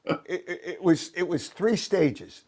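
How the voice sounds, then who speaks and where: A man hosting a sports talk show, telling a story in a halting way, with restarts and quoted lines of dialogue. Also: sits high, animated, darkish tone. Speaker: host.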